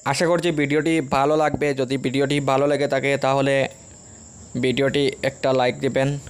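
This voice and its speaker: A man teaching an exam-prep lesson, reading through a list of facts in a plain, steady, item-by-item way. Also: medium pitch, moderate pace, clean tone. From Assam, India.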